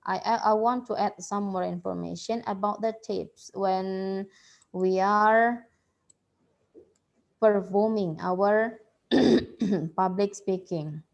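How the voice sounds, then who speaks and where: A woman's voice: mid-range voice, steady tone, slow pace, gravelly, pauses often, a little mellow. A woman giving a slide-based workshop talk, hesitant, with many fillers and a repeated "yeah". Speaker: workshop presenter.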